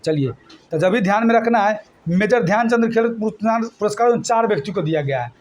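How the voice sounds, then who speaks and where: High-voiced teacher drilling a class. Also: male voice, lively intonation, brisk. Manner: drills students with call-and-response questions; repetitive mnemonic chanting. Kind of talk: classroom exam-prep lesson.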